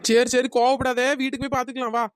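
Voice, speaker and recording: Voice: high voice, little pitch movement, fast, clear, resonant tone, no echo, studio quality, natural voice. A performer doing a whiny grumbling cartoon friend. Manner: whiny, complaining, sarcastic. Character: grumbling woman friend driving the scooter. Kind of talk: cartoon comedy voice acting.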